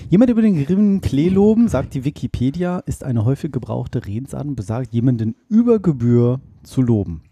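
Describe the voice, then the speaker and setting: A man's voice: mid-range voice, sing-song, fairly quick, hardly any pauses, mellow, husky, no room sound. A man co-hosting a casual podcast, joking around and teasing in a playful way. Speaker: podcast co-host. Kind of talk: casual chat.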